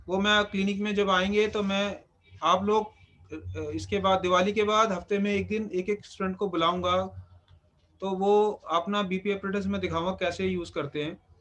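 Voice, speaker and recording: A man's voice: high voice, a bit bright. A man teaching an acupuncture class, instructive and repeating phrases for emphasis. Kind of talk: live class lecture.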